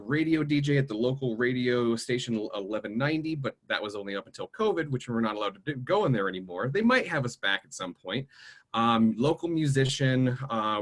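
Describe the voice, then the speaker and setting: A man's voice: mid-range voice, fairly bright tone. A man introducing himself at length to his class on a video call, chatty and rambling. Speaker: student.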